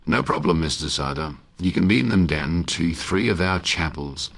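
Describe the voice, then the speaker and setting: A man's voice: low-pitched, moderate pace, creaky, a bit bright, full character voice. A man voicing a cheerful, friendly male alien preacher who is eager to help, in an audiobook. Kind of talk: audiobook character voice.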